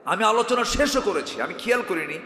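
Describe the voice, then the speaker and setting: Man, preacher, sermon, lively swooping pitch, fairly high voice, rhetorical questions to the crowd, echoey hall. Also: brisk. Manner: humorous, rhetorical, calls on the crowd to answer louder. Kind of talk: Islamic sermon to a live gathering. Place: religious gathering over a sound system. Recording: echoey hall with long reverb.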